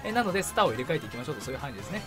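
Fast, animated young man. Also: on the high side. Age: young adult. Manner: animated, jokey, bursts of cheering and impressions. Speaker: gaming channel host. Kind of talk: excited gameplay commentary. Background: background music.

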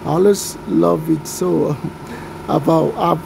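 Generator noise runs under the phone audio as a Nigerian vlogger, native in Yoruba, walks through his backyard casually pointing out weeds. He is unhurried, sounding out plant names with a self-deprecating tone, and his gravelly voice is on the high side with a steady tone. He holds the phone camera himself and stays off-screen.

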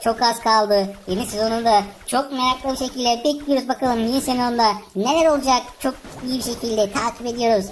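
A woman hosting a gaming channel, giving excited let's-play commentary, cheering on game characters and chatting with viewers. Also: on the high side, slight background noise, rough recording.

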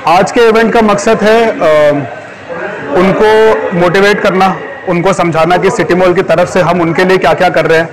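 This is a young man being interviewed at an indoor event in front of a banner. He hesitates often with ums and fills his speech with English business words. His voice sits a little high for a man, and it is recorded close up. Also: steady tone, moderate pace, rough recording. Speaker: company representative. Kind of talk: on-camera interview.

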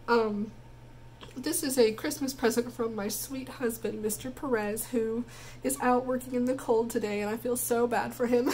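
A woman planner vlogger with a croaky voice from bronchitis, chatting casually and gushing through an unboxing. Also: on the high side, a little mellow, a little hiss or hum, poor audio.

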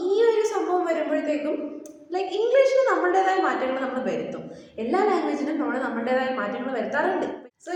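A woman's voice: high-pitched, slight background noise. A woman giving a casual spoken lesson on English pronunciation, spelling words out letter by letter and repeating them for emphasis. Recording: echoey room from a distance.

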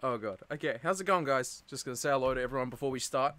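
Bright-voiced young man streaming games. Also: medium pitch, quick pace. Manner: excitable, swears often, greets chat by name. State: out of breath. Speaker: game streamer. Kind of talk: casual live-stream chat. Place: cold room at home.

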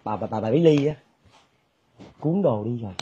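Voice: mid-range voice, lively intonation, dark tone, husky, highs cut off. A performer playing a nosy village gossip who denies spreading rumors, in a sketch comedy. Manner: rapid, insistent, defensive chatter. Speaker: skit comedian.

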